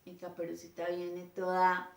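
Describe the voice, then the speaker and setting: Animated woman teacher with gravelly voice. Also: fairly low pitch, normal speed. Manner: animated, acts out teacher and children in changing voices. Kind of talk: lecture with acted classroom scenes. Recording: echoey room.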